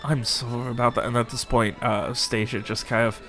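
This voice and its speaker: A man's voice: mid-range voice, fairly even intonation, moderate pace, a bit bright, faint music behind. A man narrating as game master in a tabletop game, casual with many fillers.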